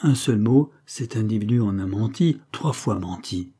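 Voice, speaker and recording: A man's voice: on the low side, animated, normal speed, warm tone, slightly rough. Man doing a curt, cold ex-sea captain. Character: stern middle-aged male former sea captain.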